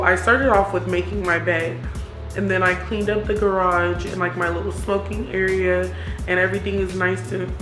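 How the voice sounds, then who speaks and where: A woman vlogger chatting casually and confessionally, candid and reflective, talking herself into encouragement. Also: medium pitch. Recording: roomy echo with music behind.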